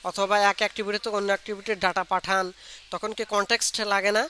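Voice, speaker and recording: A man's voice: high-pitched, flat delivery, quick pace, pushed and bright. A man teaching a live online programming class, explaining step by step and quizzing his students with questions. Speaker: programming instructor. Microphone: computer mic on a video call. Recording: faint background noise.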